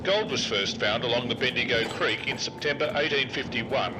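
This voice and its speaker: A man's voice: medium pitch, moderate pace, noisy background, close to an everyday voice. A man voicing a friendly talking heritage tram that gives recorded tour commentary. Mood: welcoming.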